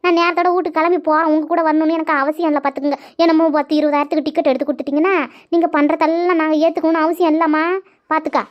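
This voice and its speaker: A touchy, aggrieved sister-in-law from a cartoon, voiced by a woman, rattles off her complaints in a quick, high voice. She sounds wounded and indignant. The audio is dull and lo-fi. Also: fairly even intonation, lightly acted. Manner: complaining, hurt and scolding. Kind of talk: cartoon voice acting.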